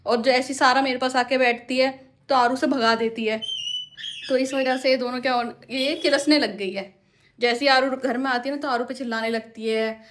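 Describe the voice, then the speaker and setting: A young woman talking in a high, light voice as she vlogs casually at home. She explains things at length in a chatty way and often answers her own questions. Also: steady tone, moderate pace, a bit bright. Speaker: vlogger and parrot owner. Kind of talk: casual explanatory vlog talk. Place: at home indoors.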